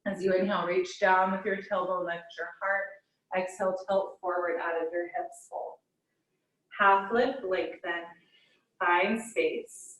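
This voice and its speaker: A woman with a lowish voice guides hatha yoga in a soothing, unhurried way. Her cues are gently inviting and spaced with pauses. She is heard at some distance from the microphone in a very reverberant room. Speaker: yoga teacher.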